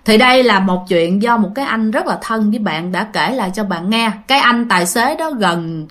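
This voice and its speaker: A woman's voice: medium pitch, animated, normal speed, fairly bright tone. A woman with a Southern Vietnamese accent casually telling a ghost story, chatting to listeners with fillers and repeats.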